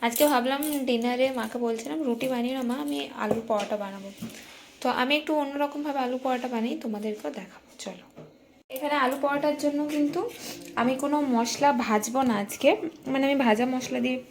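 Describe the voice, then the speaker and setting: A young woman with a high voice talks viewers through her cooking in a home kitchen, explaining each step in a chatty way. Faint household noise sits behind her. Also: fast talker. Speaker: family vlogger. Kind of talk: casual home vlog, cooking talk.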